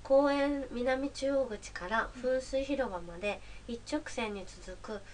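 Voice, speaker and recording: Young woman, radio co-host, careful, hesitant, high voice, distant mic. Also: takes it slowly, a little mellow, slight background noise. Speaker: radio co-presenter. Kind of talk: live radio chat.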